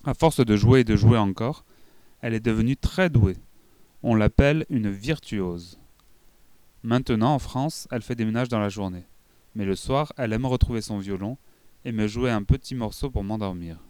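A man reading a children's book aloud in an expressive storytelling manner. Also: lowish voice, clean tone, no room sound. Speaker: audiobook reader. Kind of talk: scripted narration of a children's book.

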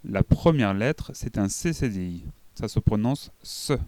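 A man voicing a kind, patient woman schoolteacher in a children's book reading, gentle and coaxing. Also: fairly low pitch, expressive, dry recording. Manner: gentle, coaxing, spells letters slowly. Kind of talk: scripted narration of a children's book.

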